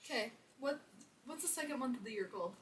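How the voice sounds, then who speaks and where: A woman's voice: fairly high pitch, expressive, fast talker. A young woman co-hosting a vlog, arguing her side of a casual debate with insistent emphasis. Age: young adult. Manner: insistent, argues loudly with emphasis. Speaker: co-host. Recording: voice a bit far from the mic.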